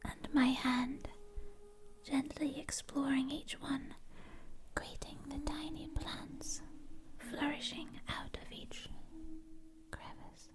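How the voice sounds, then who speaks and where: A woman whispers gently right into the listener's ear in an ASMR poetry reading, close on the mic, slowly and with long pauses. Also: high voice, flat delivery. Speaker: ASMR content creator.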